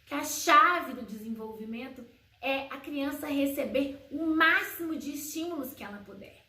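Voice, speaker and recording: A woman homeschooling educator explaining to parents, slowly posing questions and answering them herself. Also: sharp tone. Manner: sings baby words in a high sing-song voice. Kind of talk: educational video talk to parents. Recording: roomy echo, slightly far from mic.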